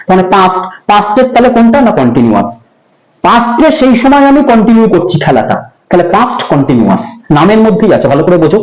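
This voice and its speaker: A female teacher with a Bengali accent gives school students a grammar lesson, patiently repeating key terms and checking whether they understand. Her voice is mid-range and darkish, and the recording is rough and roomy.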